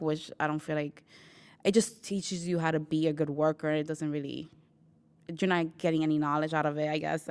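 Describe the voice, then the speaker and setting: Low-voiced young woman telling her story. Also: gravelly, clean tone. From New York. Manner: chatty, laughs often, quotes herself. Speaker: interviewee sharing her story. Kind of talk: casual personal storytelling.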